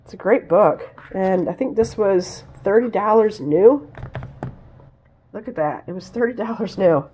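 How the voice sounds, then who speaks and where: A woman with a raspy, hoarse voice from a head cold, chatting casually as she shows off her thrift finds, often pausing to search for words. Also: medium pitch, warm tone, slight background noise. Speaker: vlogger showing thrift finds. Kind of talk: casual haul show-and-tell.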